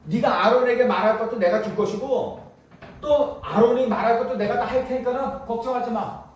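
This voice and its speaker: A man preaching a sermon as pastor, lively, with rhetorical questions to the congregation and chuckles as he speaks. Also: extremely high pitch, a little fast, slight background noise. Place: church sanctuary. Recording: echoey church from far off.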